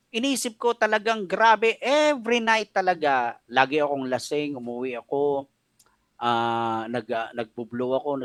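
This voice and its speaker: A middle-aged Filipino-accented pastor preaches a radio sermon, telling a personal story with feeling and switching between Tagalog and English. His voice is on the high side with a fairly bright tone, in a dry, clean studio recording.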